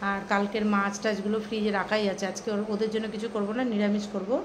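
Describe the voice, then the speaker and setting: Brief: middle-aged woman home vlogger, hushed and tired, mid pitch, steady household noise behind. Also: fast. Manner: soft-spoken, rambling, trails off with fillers. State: tired and thirsty from the heat. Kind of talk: casual daily-life vlog chat.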